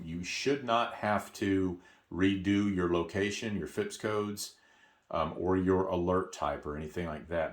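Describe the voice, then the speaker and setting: In a relaxed, practical product tutorial, a man with a low-pitched voice explains things informally and says key points more than once to stress them.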